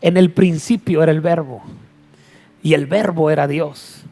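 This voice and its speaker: A pastor preaching in a lively storytelling manner, breaking off for joking asides. His voice sits a bit high for a man. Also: a little slow. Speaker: apostle and pastor. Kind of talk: sermon.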